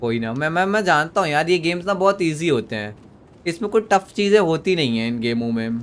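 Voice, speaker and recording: A young man doing joking live commentary while streaming a horror game, mixing Hindi and English and yelling at the character on screen. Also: on the high side, expressive, brisk. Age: young adult. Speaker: gaming streamer. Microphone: desk microphone.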